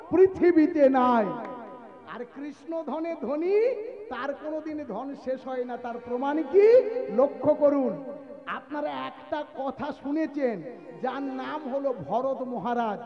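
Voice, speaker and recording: High-pitched guy preaching live, lots of questions to the crowd, music going behind. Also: unhurried, muffled recording. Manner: asks the crowd rhetorical questions and hushes them. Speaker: kirtan preacher. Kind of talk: devotional sermon talk. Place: live devotional gathering.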